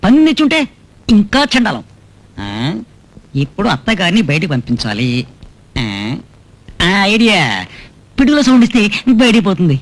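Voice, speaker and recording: A man's voice: high-pitched, sing-song, normal speed, long pauses. An actor playing a sly, scheming conman in a comic film scene, teasing and wisecracking. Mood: mocking. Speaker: trickster posing as spirit expert.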